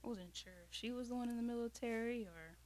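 A woman's voice: fairly high pitch, quick pace, a little mellow, poor audio. A woman co-hosting a podcast with friends, joking, swearing and laughing as she talks. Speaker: podcast co-host. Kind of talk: casual chat among friends.

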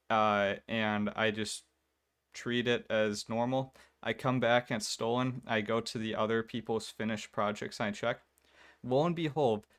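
A man's voice: lowish voice, fairly bright tone. Casual young man telling a story. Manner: storytelling, mimics others in quotes. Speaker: podcast co-host. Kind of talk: casual chat.

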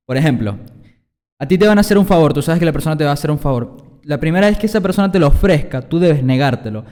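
A man, co-hosting a casual podcast, explaining his points slowly with acted-out examples. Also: a little high, expressive, darkish tone. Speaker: podcast co-host. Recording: hall reverb.

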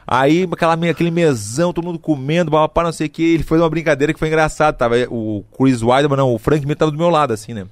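A middle-aged Brazilian man telling a story casually, animated and slangy, acting out what people said. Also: on the high side, racing, few pauses, no room sound. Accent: Brazilian Portuguese. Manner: animated, slangy, acts out quotes.

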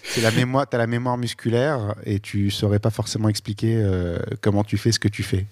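A man's voice: on the low side, fairly even intonation, brisk, darkish tone, no room sound, studio quality. A man hosting a casual interview, asking questions with friendly, enthusiastic asides. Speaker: interviewer, host.

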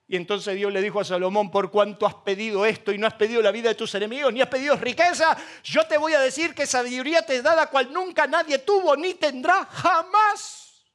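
A man with an Argentine accent preaching a sermon as pastor, swinging between loud passion and hushed quiet. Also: very high voice, fast, few pauses. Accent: Argentine Spanish.

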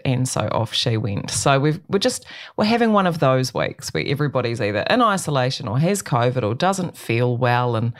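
A middle-aged New Zealand woman hosting a talk show solo, ranting in an emphatic, wry, conversational way. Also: sits low. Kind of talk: opinionated solo rant, conversational.

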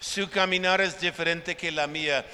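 A man's voice: on the high side, steady tone, normal speed, pushed and bright. A man preaching a sermon as pastor, repeating phrases for emphasis and acting out conversations with his congregation, in a large church hall. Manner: preaching with emphatic repetition and acted-out dialogue. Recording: long church hall reverb.

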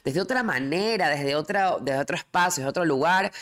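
A woman's voice: sits low, brisk. A woman hosting a casual chat, telling her own experiences openly and with lots of restarts. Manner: open, animated storytelling with frequent restarts.

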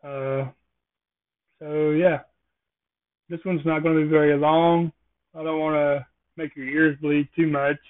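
A man's voice: fairly high pitch, little pitch movement, unhurried, pauses often. A man hosting a casual solo podcast, rambling through jokey observational musings. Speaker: podcast host. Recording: tinny phone-like sound.

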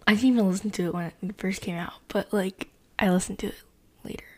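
A teenage girl hosting her own podcast, chatting casually about her week in a rambling, halting way with lots of fillers, often half-whispering. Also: medium pitch, fairly even intonation. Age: teens. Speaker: podcast host. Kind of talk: casual chat.

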